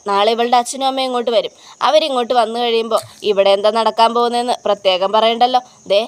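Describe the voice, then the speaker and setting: A woman voicing Jalaja, a sharp-tongued, quarrelsome woman in a retold family serial, sneering and combative. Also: a little high, lightly acted.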